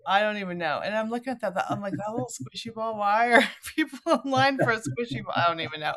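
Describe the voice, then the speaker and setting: A middle-aged woman hosts a podcast in a casual, chatty, informal way, acting out things people might say. Her voice is medium-pitched, expressive and a bit bright, and she talks at a quick pace.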